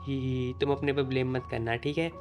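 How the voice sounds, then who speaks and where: A man reading the lines of a playful, teasing young woman in his own everyday voice, slowly and with a faint music bed. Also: medium pitch, little pitch movement, natural voice.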